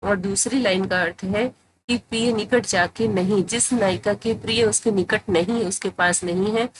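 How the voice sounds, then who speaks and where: A woman teaching Hindi grammar in a tutorial, explaining patiently and repeating phrases to make each point clear. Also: medium pitch, steady tone, moderate pace, a little hiss or hum, poor audio.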